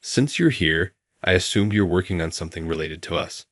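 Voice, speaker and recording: A man's voice: low voice, brisk, fairly bright tone, no echo, clean studio sound. A man reading as a sneering arrogant boss. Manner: mocking, condescending.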